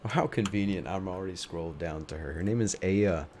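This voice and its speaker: A man improvising narration as a tabletop game master, thinking aloud in a halting way. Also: sits low, darkish tone, slight background noise.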